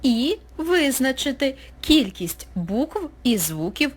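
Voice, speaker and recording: A woman teacher narrating a recorded school lesson, speaking slowly and clearly as if dictating. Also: high-pitched, big pitch swings. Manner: slow, clear, dictating pace.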